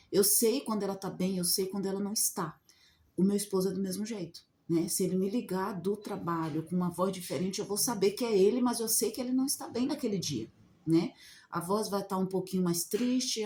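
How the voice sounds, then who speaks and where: A woman's voice: mid-range voice, warm tone, a little hiss or hum. A woman giving an informal Bible teaching, talking conversationally and asking many rhetorical questions. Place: outdoors in the sun.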